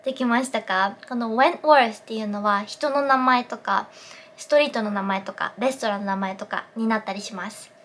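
A young woman teaching English pronunciation in a clear explanatory tone, saying English model phrases slowly and carefully. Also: fairly high pitch, fairly bright tone, slight background noise. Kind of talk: pronunciation lesson.

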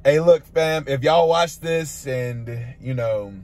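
A man's voice: medium pitch, slow, a little mellow. A young American man chatting casually and candidly to his vlog camera. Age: young adult. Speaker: amateur comedian vlogger. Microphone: phone at arm's length.

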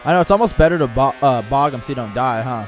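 Excitable bro-talking young man, animated pitch. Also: quick pace, faint music behind. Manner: excitable frat-bro slang, lots of 'bro' and 'dude'. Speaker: gamer. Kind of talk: casual gaming chat with a friend. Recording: clear background noise, game engine sounds.

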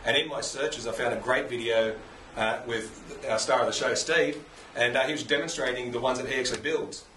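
A man's voice: mid-range voice, steady tone, a little fast, sharp tone. Australian man hosting a chatty interview. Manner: chatty, easygoing, calls guest "man". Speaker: interview host. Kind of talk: casual interview. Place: indoors, home workshop. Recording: echoey room, mic at a distance, faint background hiss.

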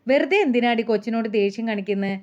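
A woman voicing a caring older neighbour who soothes and gently scolds a younger friend. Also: on the high side, fast, natural voice. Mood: motherly concern. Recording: muffled lo-fi.

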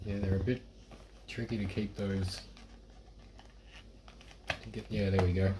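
Low-voiced man chiming in casually. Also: level tone, a little slow, warm tone, slight background noise, low-quality recording. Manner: chiming in with short helpful remarks. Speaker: co-host friend. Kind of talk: casual chat.

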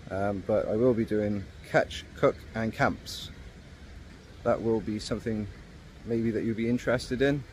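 Relaxed man vlogging outdoors by a river. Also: lowish voice, unhurried, slight background noise. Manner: relaxed, rambling, frequent ums. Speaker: fishing vlogger. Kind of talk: casual outdoor vlog narration. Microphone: phone or action camera held at arm's length.

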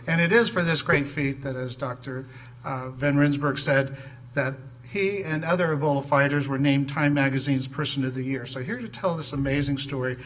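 A man in his fifties reading a measured, formal introduction from a podium in a large hall. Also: medium pitch, a bit bright. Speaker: event host introducing the speaker. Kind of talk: prepared introduction. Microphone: podium mic.

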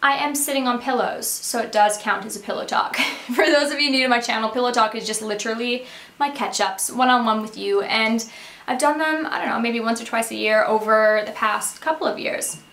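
A young woman from Canada gives a casual catch-up to camera, sitting on pillows in her beauty room. Her voice sits a little high, and she talks in a bubbly, rambling way. The room gives it a noticeable echo. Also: a little fast, a bit bright. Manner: bubbly, chatty, rambling with fillers. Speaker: beauty vlogger. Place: bedroom beauty room, indoors.

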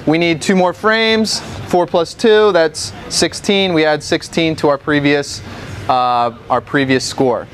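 A man's voice: a little high, fairly even intonation, slow pace, a little hiss or hum. A young man giving a classroom-style lesson in a bowling alley, explaining step by step and checking in with the class after each point. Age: young adult. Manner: patient, step-by-step, checks in with "okay?" often. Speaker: instructor. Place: large indoor bowling alley. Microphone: far camera.

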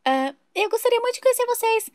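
A very high, squealing voice gushes and fawns at a rapid clip: a chatty neighbor lady, as a woman puts her on in a toy-figure soap opera. She rushes through every sentence, breathless with enthusiasm. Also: sing-song, dry recording, studio quality. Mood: gushing. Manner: gushing, fast, fawning.

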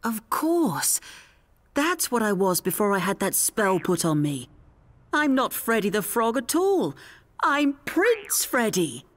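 A woman's voice: mid-range voice, big pitch swings, takes it slowly. A woman voicing a courteous male frog who turns back into a young prince, speaking in a gallant, polite way. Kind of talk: cartoon voice acting for preschoolers.

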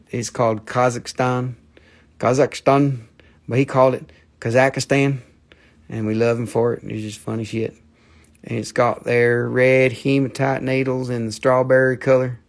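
A man from the southern United States hosts a live mineral sales stream from an indoor room with a table of specimens, holding stones up to the camera. His mid-range voice stays fairly flat at a measured pace as he rambles, jokes, curses, and slips into playful put-on accents.

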